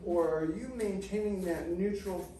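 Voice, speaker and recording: A middle-aged man giving measured, technical step-by-step exercise instruction in short phrases. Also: high-pitched, mellow. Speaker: movement class instructor. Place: large indoor studio with treatment tables. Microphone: far camera microphone. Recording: distant mic, very echoey, noisy room.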